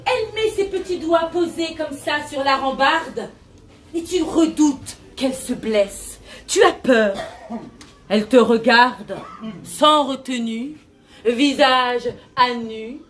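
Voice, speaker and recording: A woman's voice: high voice, slow. A woman playing a grandiose self-esteem coach who preaches in a mock-solemn way, with a big cathedral-like echo around her voice. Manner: preachy mock-solemn call-and-response, mixes English jargon. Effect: big resonant cathedral-like echo. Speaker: stand-up performer. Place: large resonant venue. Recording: echoey room, mic far off.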